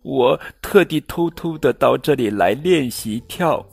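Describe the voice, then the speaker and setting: A man's voice: medium pitch, animated, a little slow, gravelly, husky, faint music behind, pitched above the performer's own voice, full character voice. A man voicing a glum, self-doubting young kangaroo who talks in a tearful, whiny way.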